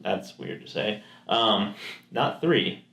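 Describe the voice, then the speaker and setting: A podcast co-host chats casually about video games, rambling with plenty of fillers and restarts. His voice is on the low side, expressive, slow, creaky and a bit bright. The room is echoey.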